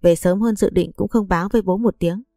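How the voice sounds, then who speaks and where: A woman's voice: medium pitch, a little fast, dark tone, no echo, studio quality, natural voice. A woman voicing a protective older father-in-law who speaks in a concerned, questioning way.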